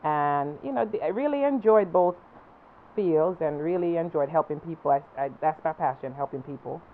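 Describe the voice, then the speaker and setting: A woman from Jamaica with a Jamaican accent, a guest entrepreneur talking about her work, halting and full of ums. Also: deep voice, narrow, tinny audio. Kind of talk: talk show interview.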